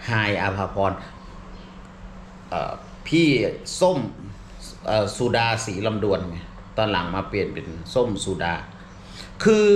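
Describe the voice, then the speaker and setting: A man's voice: low-pitched, a bit bright. A middle-aged man, a comedian, explaining at length in a rambling casual way, full of fillers, restarts and polite particles. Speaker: comedian and show regular. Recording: echoey room with faint ambient noise.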